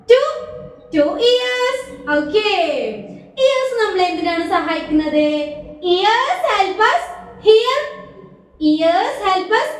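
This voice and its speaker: A woman teacher leads small children through call-and-response. She speaks very slowly in a very high, lively, sing-song voice. She sounds a little away from the mic in a very echoey room. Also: far from the mic. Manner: slow, sing-song, pitch jumps up on each prompted word. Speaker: kindergarten teacher.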